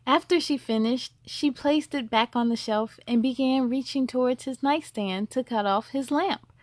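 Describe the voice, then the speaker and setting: A woman with a high voice hosts story time, reading a children's storybook aloud at normal speed in a dry recording. She reads expressively and talks directly to her young listeners.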